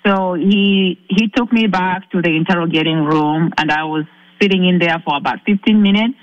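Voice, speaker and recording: A woman from Zambia calling in to a talk show, earnestly telling her story with halting restarts. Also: on the low side, no echo, muffled recording. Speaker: caller. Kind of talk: recounting a personal ordeal on a call-in show.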